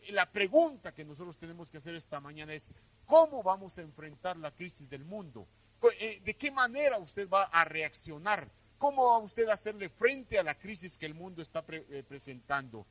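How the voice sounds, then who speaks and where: High-voiced man preaching emphatically. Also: rough recording. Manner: emphatic preaching with swings between loud and soft; addresses listeners as brothers and sisters. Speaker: pastor. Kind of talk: sermon.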